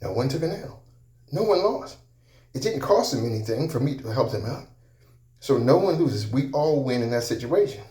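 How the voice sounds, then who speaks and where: A man's voice: mid-range voice, animated, moderate pace, warm tone, echoey room. A man giving a motivational talk about his own experiences, speaking conversationally and repeating himself, with frequent restarts. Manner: conversational, repetitive storytelling with restarts. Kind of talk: personal storytelling talk.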